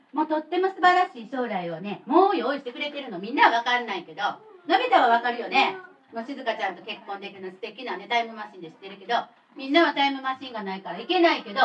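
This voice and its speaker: A woman in her thirties with a Kansai accent, telling a chatty, animated children's sermon as a church pastor. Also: a little high. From Kobe, Japan. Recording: distant mic with faint noise.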